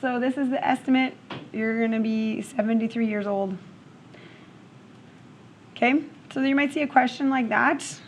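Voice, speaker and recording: A fairly high-pitched woman teaching a math lesson to a room of students. She talks through each step aloud and keeps checking in with the class. A faint hum of ambient noise sits under her voice. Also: fairly even intonation, moderate pace, pauses often. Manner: checks in with questions, frequent "okay?".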